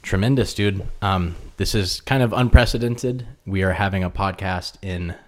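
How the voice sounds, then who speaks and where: With a deep voice and an ordinary pace, this podcast host sits at his kitchen table at home, chatting easily and warmly with a guest. His casual interview talk is loaded with fillers.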